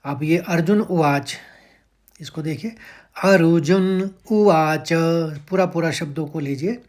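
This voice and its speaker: A man teaching how to recite verses, patiently breaking words into syllables and chanting each line slowly and drawn out. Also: on the high side. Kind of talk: step-by-step chant lesson.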